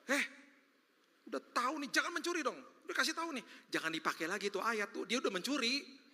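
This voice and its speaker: Man doing a scolding preachy churchgoer, high nagging voice, very bright tone, echo of a big hall. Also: animated, fast talker, heavily acted. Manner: high, nagging, finger-wagging tone.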